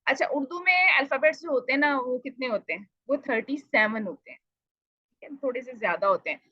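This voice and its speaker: A woman's voice: sits high, fairly quick, no echo, lo-fi sound. A woman teacher giving a Quran recitation lesson, explaining patiently and asking questions she answers herself. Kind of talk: online tajweed lesson.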